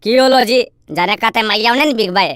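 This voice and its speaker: A woman with a Magahi accent quarrels and complains in a village comedy skit. Her voice is high, and the recording is dry and close. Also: a little fast, fairly bright tone, clean tone, dry recording.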